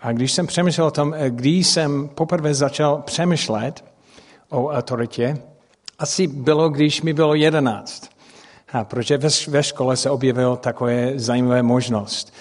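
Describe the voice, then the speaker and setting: A middle-aged man, a native English speaker speaking with an English-speaking accent, preaches through personal stories, haltingly searching for words and making grammatical slips. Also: medium pitch, darkish tone. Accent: English-speaking accent in Czech. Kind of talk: sermon with personal storytelling. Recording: long hall reverb.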